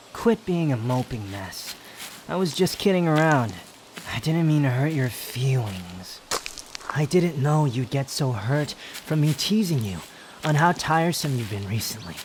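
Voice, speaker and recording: A man playing a sharp-tongued, haughty, youthful-looking immortal wanderer in a roleplay audio drama, speaking in a sardonic, theatrical, teasing way. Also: mid-range voice, lively intonation, measured pace, background noise, natural voice. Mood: grudgingly tender. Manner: sardonic, scolding, theatrical delivery with sighs.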